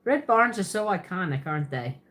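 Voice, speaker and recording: Answering viewers on her livestream, the host speaks briskly in a lowish, animated, slightly bright voice. She comes from Pennsylvania and has a Pennsylvania Dutch accent with a Southern twist; she's chatty, rambling, quick to laugh, and prone to correcting herself.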